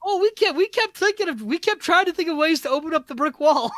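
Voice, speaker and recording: A man's voice: very high voice, lively intonation, fast talker, a bit bright, dry recording, clean studio sound. A man co-hosting a podcast, telling stories in casual chat, rambling and correcting himself as he goes. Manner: rambling storytelling with frequent laughs and self-corrections. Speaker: podcast co-host.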